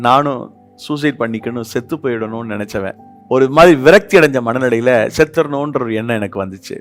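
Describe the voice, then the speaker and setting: A man with a Tamil accent preaching a sermon as pastor, swinging between loud exhortation and soft confiding. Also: medium pitch. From India.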